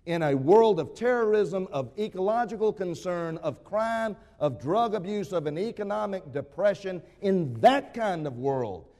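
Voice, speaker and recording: A pastor preaching a dramatic sermon, full of rhetorical questions, rising to a raised voice and dropping to a hush. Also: male voice, high-pitched, expressive, a little slow, few pauses. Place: church sanctuary. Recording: long reverb of a church sanctuary.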